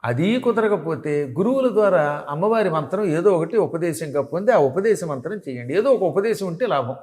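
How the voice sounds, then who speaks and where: A man's voice: high voice, lively intonation, brisk, a little mellow. An older man, a spiritual teacher, explains devotional practice in a didactic way, sounding out syllables and chuckling at his examples. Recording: long hall reverb.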